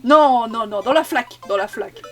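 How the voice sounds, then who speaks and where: A tired woman rambles through a casual gameplay chat in a fairly high voice. She mocks herself, stammers and restarts often, and keeps talking to her viewers. Game music plays clearly behind her. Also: normal speed, fairly bright tone. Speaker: voice actor and content creator.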